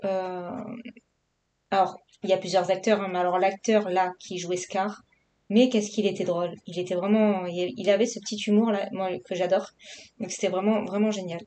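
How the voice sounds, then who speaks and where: Chatty woman, mellow voice. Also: medium pitch, a little hiss or hum. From Marseille, southern France. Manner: chatty and rambling, with many fillers. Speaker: coloring vlogger. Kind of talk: casual chat.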